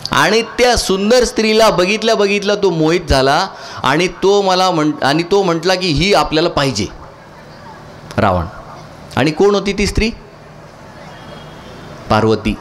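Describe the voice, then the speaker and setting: A man's voice: high voice, a bit bright, a little hiss or hum. A man speaking to a live audience, often asking a question and answering it himself. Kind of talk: lecture to an audience.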